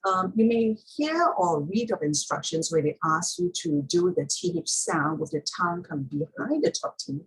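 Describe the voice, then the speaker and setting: Husky woman giving a pronunciation lesson. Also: on the low side, poor audio. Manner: step-by-step, repeats key points for emphasis. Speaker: pronunciation teacher. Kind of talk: instructional lesson talk on pronunciation.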